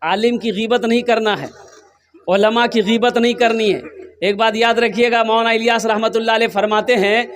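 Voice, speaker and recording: A male Islamic preacher, giving a sermon through lively storytelling and questions thrown to the crowd. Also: very high voice, moderate pace.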